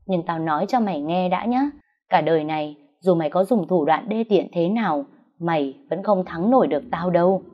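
A woman's voice: fairly low pitch, fairly quick, lightly acted. Woman doing a cool, cutting young wife. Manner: firm, cutting, sneering. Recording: dull lo-fi recording.

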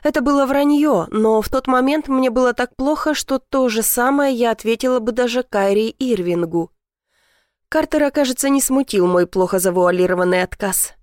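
A woman narrating a first-person romance novel in an intimate, measured reading. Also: fairly high pitch, a little mellow, dry recording, clean studio sound. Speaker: audiobook narrator.

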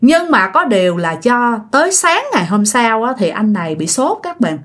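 A woman with a Southern Vietnamese accent tells ghost stories in a relaxed, conversational way. Her voice sits fairly high and moves up and down in a lively manner. She often speaks straight to her listeners as she goes. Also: normal speed. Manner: chatty, addresses listeners directly. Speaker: storyteller. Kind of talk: casual ghost-story narration.

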